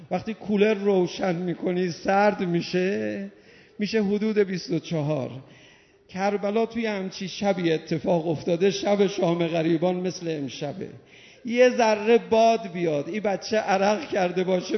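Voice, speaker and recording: A man delivers an impassioned mourning sermon, swinging from hushed lines to loud cries. His voice sits high and has a gravelly edge. The recording is muffled and carries a long reverb from a large hall. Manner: impassioned, shifting from hushed to shouting. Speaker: preacher.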